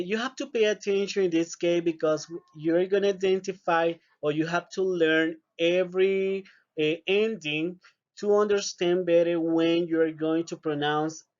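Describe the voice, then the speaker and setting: Slow-talking male English teacher, lo-fi. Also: fairly high pitch, fairly even intonation. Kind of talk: recorded video lesson.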